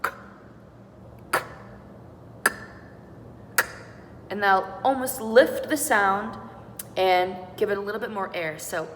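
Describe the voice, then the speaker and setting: A woman's voice: mid-range voice, a little slow. A young woman singing teacher giving an upbeat online beatboxing lesson, walking learners through each sound step by step. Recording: roomy echo with long reverb and faint noise.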